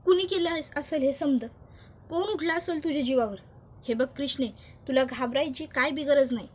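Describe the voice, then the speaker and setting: A woman's voice: high voice, moderate pace, lightly acted. A woman voicing a scheming older village mother-in-law in a serial recap, with rustic fussing speech. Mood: coaxing. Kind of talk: reading a character's lines in a serial recap.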